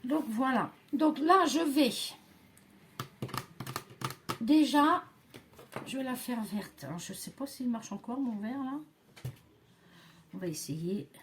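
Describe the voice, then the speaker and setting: A woman's voice: a little high, lively intonation, slow pace, pauses often, a little hiss or hum. A woman, demonstrating a craft project in a chatty, hesitant way, full of fillers and self-talk. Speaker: crafting tutorial host.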